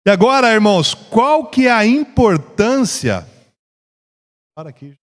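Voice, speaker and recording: Slow-speaking Brazilian man teaching in a church hall. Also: high voice, sing-song. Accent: Brazilian Portuguese. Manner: slow, drawn-out delivery with rising emphasis on scripture. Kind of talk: Bible class teaching.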